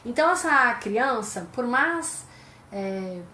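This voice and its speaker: A woman's voice: on the high side, lively intonation, slow pace, bright, forceful tone, reverberant, slight background noise. A Brazilian woman psychologist explaining things in a live-stream chat, asking rhetorical questions as she goes. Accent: Brazilian Portuguese.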